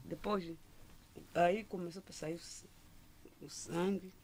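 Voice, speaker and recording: A middle-aged woman gives a personal testimony as a listener, halting and often restarting and repeating words. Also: fairly low pitch, steady tone, darkish tone, a little hiss or hum. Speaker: listener telling her story.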